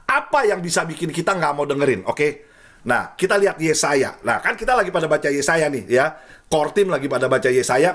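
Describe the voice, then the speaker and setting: A middle-aged man with an Indonesian accent, preaching a casual, lively sermon and repeating phrases for emphasis. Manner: animated, swings pitch widely, repeats phrases for emphasis. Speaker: pastor.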